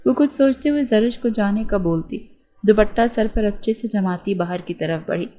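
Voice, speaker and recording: A woman reads a romance novel aloud at a medium pitch, staying steady and even as she takes every part herself. Her delivery is scripted storytelling. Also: normal speed. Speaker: novel narrator. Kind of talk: scripted narration of a romance novel with acted dialogue.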